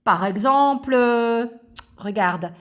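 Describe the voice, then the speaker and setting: A woman's voice: on the high side, takes it slowly. A woman teacher patiently explaining cursive handwriting to young children, step by step.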